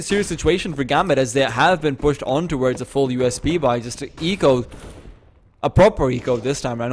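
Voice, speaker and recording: High-pitched excitable esports caster. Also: male voice, slight background noise. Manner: rapid, excitable, rising on big plays; self-deprecating asides. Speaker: esports commentator. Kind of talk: play-by-play esports commentary.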